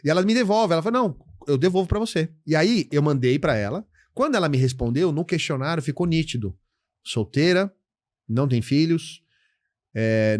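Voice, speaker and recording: A middle-aged man as a podcast guest, telling client stories in a casual, lively way and acting out both sides of the conversations. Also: fairly high pitch, no echo, studio quality. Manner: animated storytelling, acts out client dialogues, says "cara" often. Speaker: guest, insurance educator.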